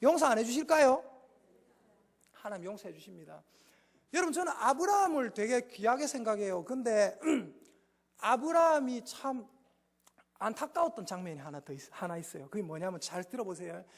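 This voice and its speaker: Animated Gyeongsang man preaching in a church hall. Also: high voice, normal speed. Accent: Gyeongsang Korean. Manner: folksy, animated preaching with call-and-response prompts. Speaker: pastor. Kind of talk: Sunday afternoon sermon. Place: church sanctuary.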